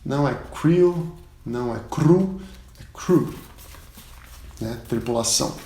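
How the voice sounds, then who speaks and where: A Brazilian man, a pilot, giving a casual spoken lesson, chatty and full of anecdotes, repeating the words he teaches loudly. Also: medium pitch, moderate pace, echoey room. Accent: Brazilian Portuguese. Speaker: pilot and aviation English instructor.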